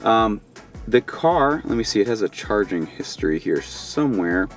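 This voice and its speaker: Southern man, casual vlog host talking from the car, relaxed and chatty, faint music under him. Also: on the low side, moderate pace. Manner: relaxed, chatty, thinks aloud. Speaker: vlogger driving an electric car. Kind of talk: casual road trip vlog chat. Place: inside a car.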